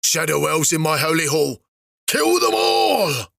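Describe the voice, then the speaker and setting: A booming dwarf king, proud and cruel, drawing his words out in slow, grand commands, as a male audiobook narrator puts him on. The voice is dry and close, with no room around it. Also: creaky, sharp tone, dry recording. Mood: raging.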